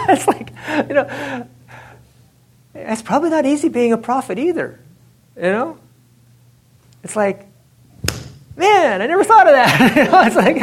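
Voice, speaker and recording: Speaking in a high voice, this man delivers a casual religious history lecture full of energy and chatter. He laughs a lot and keeps saying "you know" and "it's like."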